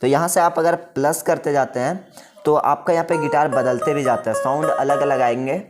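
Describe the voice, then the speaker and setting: Speaking at a normal pace in a fairly high, steady voice, a music shop staffer gives a laid-back keyboard demonstration, explaining each step and often checking in with the viewer. Loud music plays behind his voice, and faint keyboard tones are also audible.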